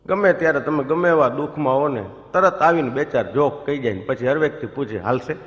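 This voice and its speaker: A man's voice: medium pitch, fairly quick, dull audio, a little hiss or hum. A man, telling comic stories on stage and voicing his friends in the quoted lines. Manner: chatty storyteller, voices friends in quoted lines. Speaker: stand-up comedian telling stories. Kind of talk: live comic storytelling. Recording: echoey hall with long reverb. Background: audience laughter.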